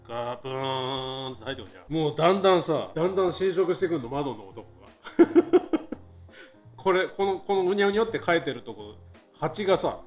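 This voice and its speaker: A man tells a true scary story in a lively, casual way, and his voice swings widely as he acts out quotes and buzzing wasps. He is a little higher-voiced than most men. Soft music plays underneath. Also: quick pace. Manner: animated, acts out quotes and buzzing sounds, laughs often. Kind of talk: casual storytelling from a live stream.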